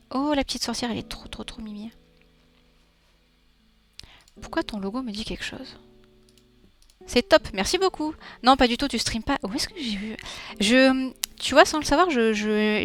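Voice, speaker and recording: A woman streamer draws on a livestream, chatting with viewers and thinking aloud with playful little sound effects. Her voice is on the high side and fairly bright.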